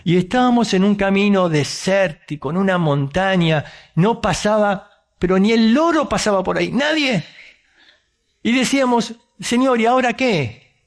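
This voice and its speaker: A man with an Argentine accent preaching a sermon, telling a story with animated, conversational asides and rhetorical questions. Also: high-pitched, moderate pace. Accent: Argentine Spanish.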